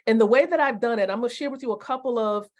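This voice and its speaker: Woman in her 40s coaching live, kinda high voice, leans hard on key words and repeats them. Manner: emphatic, repeats key phrases slowly, asks the audience questions. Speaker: network marketing coach. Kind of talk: live-streamed motivational teaching.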